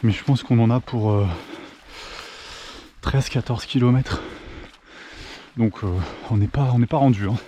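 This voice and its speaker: French hiker vlogging outdoors, mellow voice. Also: male voice, mid-range voice, unhurried, pauses often, slight background noise. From France. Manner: chatty, thinks aloud with restarts and "hein". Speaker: hiker filming himself. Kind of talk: casual vlog narration. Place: mountain trail outdoors. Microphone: handheld camera.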